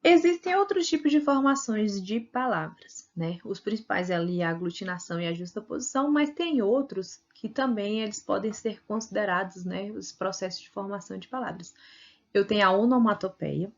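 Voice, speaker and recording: Speaking at a moderate pace with a medium pitch and animated delivery, a Brazilian teacher with a Brazilian Portuguese accent walks through a recorded video lesson. She's patient and keeps checking in using tag questions, though the recording's highs are cut off.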